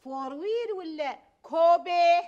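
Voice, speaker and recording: Woman, very high voice, nagging, chiding sitcom wife. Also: animated, unhurried, a little mellow, muffled recording. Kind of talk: sitcom acting.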